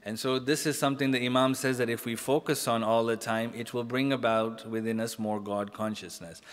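A man's voice: mid-range voice, fairly even intonation, brisk. Man preaching casually in a reverberant hall. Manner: casual, talks directly to the audience with frequent "right?" and "you know?". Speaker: sheikh giving a religious lecture. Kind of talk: conversational sermon. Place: mosque hall, indoors.

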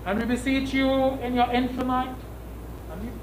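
A middle-aged priest with a notably high voice for a man leads solemn funeral prayers. He reads formally and with measure, pausing between phrases. He is heard from a distance in an echoey room with clear background noise. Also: steady tone. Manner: measured, formal reading with pauses. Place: small indoor funeral service room.

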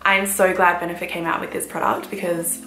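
A bubbly young woman talks through her makeup in an excited, chatty way, her voice still croaky from just waking up. She sounds like she is in an echoey room at home, with faint music playing behind her. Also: fairly low pitch, fairly quick. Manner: bubbly, enthusiastic. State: croaky morning voice. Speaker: beauty vlogger. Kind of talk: casual vlog chat.

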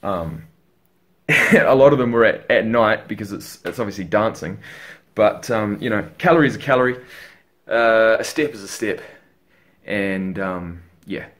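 A man's voice: on the low side, measured pace, a bit bright. A tired young man chatting casually in a home vlog, rambling and swearing as he talks to a webcam in his bedroom. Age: young adult. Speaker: fitness vlogger.

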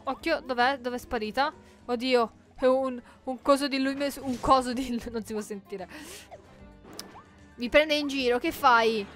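Her voice is high and a bit bright as this gaming YouTuber narrates her let's play, joking and chatting while she plays. When things go wrong, she shrieks in panic.

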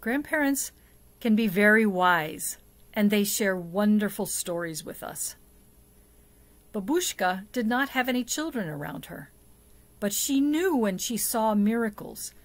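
She is a slow-paced, middle-aged storyteller for a church children's program, reading a picture book expressively and talking with young children. Her medium-pitched voice has lively intonation, and the recording is dry. Seated before a plain backdrop in a small indoor setup, she speaks deliberately, asks questions, and uses dramatic hushes and emphasis.

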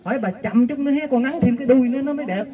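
A man's voice: very high voice, very fast, muffled recording. A man with a Southern Vietnamese accent telling folk jokes to a pilgrimage group, acting out the characters' lines. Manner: lively, acts out the characters' lines. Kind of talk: folk joke storytelling to a group. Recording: crowd murmur behind the voice.

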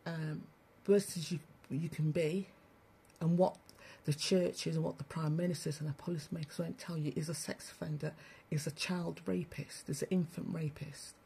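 A spiritual broadcaster delivers a ranting livestream monologue, preaching bluntly to listeners she calls family and swearing freely. Her voice is low, warm and husky with vocal fry, at a normal speed with fairly even intonation.

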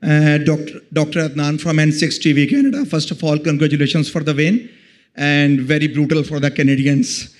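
A male TV journalist with a slightly raised pitch. He opens politely with congratulations, then asks his question at a press conference. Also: fairly quick. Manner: polite, congratulates before asking.

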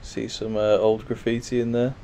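A man giving casual, low-key commentary as he walks around outdoors with a handheld camera, a little self-deprecating. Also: level tone, moderate pace, vocal fry, mellow. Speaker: vlogger. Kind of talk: casual walk-and-talk commentary. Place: outdoors in a windy churchyard. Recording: strong wind noise on microphone. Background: wind, rustling leaves.

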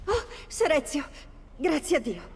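A woman's voice: high-pitched, big pitch swings, a little slow, full character voice. An actress playing a distressed, deferential servant woman with an anxious, urgent manner in a Renaissance video game. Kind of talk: dramatic video game acting. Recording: echoey hall, noisy background.

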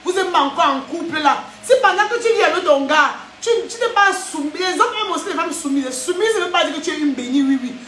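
A woman's voice: extremely high pitch, fast talker, hardly any pauses, roomy sound, slight background noise. A young woman chatting animatedly in a vlog, often tossing in "hein?". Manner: animated, acts out scenes, frequent "hein?". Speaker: vlogger. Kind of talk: casual chat monologue.

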